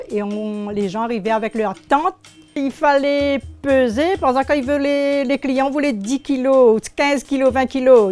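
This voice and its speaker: An older woman in her sixties from Réunion, speaking, recalling her life as a shopkeeper in an unhurried, hesitant way. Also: sits high. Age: 60s. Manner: unhurried, hesitant, searching for words. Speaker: shopkeeper interviewee. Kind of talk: oral history interview.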